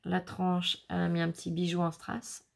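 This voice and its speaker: Chatty woman with gravelly voice. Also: on the low side, completely flat delivery, normal speed. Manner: chatty, laughing often, exclaiming over crafts. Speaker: scrapbooking vlogger. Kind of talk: casual unboxing chat.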